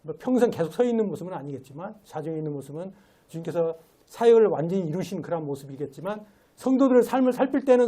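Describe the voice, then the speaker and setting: In a church sanctuary, a lay preacher gives a sermon in a conversational style, posing rhetorical questions. His voice is warm and husky, pitched on the high side.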